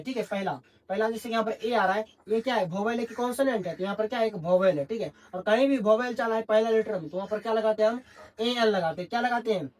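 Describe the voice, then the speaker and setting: Man teaching, quizzing himself. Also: sits high. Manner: constantly asks and answers his own questions. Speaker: English grammar teacher. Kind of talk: classroom lesson in Hindi.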